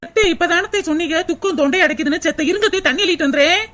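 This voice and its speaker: A woman's voice: very high-pitched, a bit bright, slight background noise. Woman voicing a mocking young daughter-in-law. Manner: fast mocking chatter. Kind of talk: cartoon voice acting.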